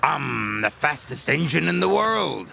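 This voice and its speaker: A man voicing a boastful, mocking male diesel engine in a storybook reading, with soft music behind. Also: sits low, animated, slow, gravelly, slight background noise, voice pushed down, full character voice. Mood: gloating. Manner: mocking, scornful.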